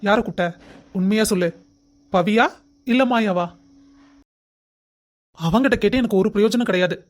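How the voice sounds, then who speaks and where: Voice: mid-range voice, moderate pace, natural voice. A voice actor playing a suspicious young male student in a cartoon story, pressing his friends with questions. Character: suspicious young man boyfriend.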